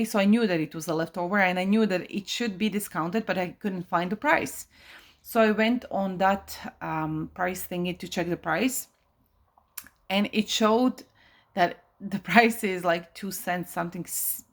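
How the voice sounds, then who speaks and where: Chatty woman vlogger telling a story. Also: medium pitch. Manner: chatty, addresses viewers directly, many restarts and fillers; exasperated retelling of a shop dispute. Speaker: life coach. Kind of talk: casual vlog storytelling.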